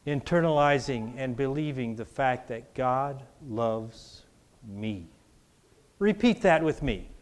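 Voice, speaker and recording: A man preaching a sermon to a congregation in church, leading call-and-response with emphatic, drawn-out repetition. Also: mid-range voice, expressive. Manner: call-and-response, has the congregation repeat after him. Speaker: pastor.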